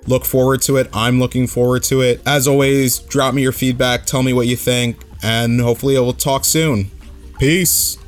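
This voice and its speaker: A man's voice: mid-range voice, steady tone, normal speed, soft background music. Reflective male podcast host, casual and conversational. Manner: reflective, conversational, thinking aloud. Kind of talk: casual solo podcast review.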